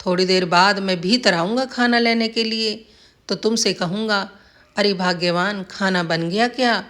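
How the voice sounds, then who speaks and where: A woman's voice: mid-range voice, measured pace, fairly bright tone, lightly acted. A woman voicing a scheming, bossy old village husband who scolds and commands. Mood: plotting.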